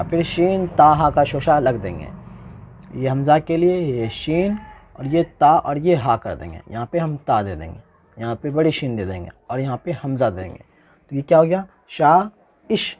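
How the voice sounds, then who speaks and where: Man, Urdu writing teacher, slightly high voice, slow patient spelling, repeats words. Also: lively intonation, darkish tone, a little hiss or hum. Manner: slow, patient, repeats each word and asks "how will we join this?". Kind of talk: handwriting lesson, spelling out letters. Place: indoors, recording a tutorial without a camera.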